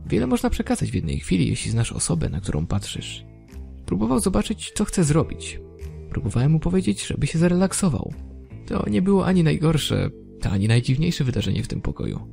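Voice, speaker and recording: A man narrating a horror story in a dry, deadpan manner. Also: fairly high pitch, a little fast, vocal fry, soft background music.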